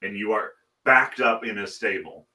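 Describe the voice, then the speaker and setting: Bright-voiced man running a tabletop game. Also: fairly low pitch, moderate pace, recorded from a distance. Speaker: game master. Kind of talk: live tabletop game narration and banter.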